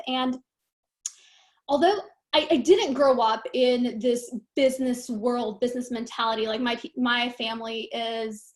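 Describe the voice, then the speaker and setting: A high-voiced woman in her thirties, from Romania, talks as a guest on a live stream. She tells her story candidly and casually, with plenty of fillers. Her voice comes over a video call. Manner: candid, chatty with frequent fillers. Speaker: guest team leader.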